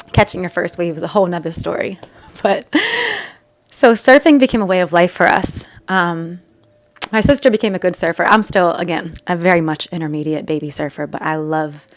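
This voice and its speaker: A young woman vlogger telling a personal story in a chatty, emotional, rambling way with many fillers. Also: on the low side. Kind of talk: casual storytelling to camera.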